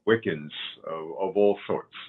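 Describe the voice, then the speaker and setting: A man around sixty from Cuba, a guest in an interview, talking slowly and haltingly with many fillers and restarts. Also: deep voice. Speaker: guest, author and pagan high priest. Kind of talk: interview conversation. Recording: thin phone-like line.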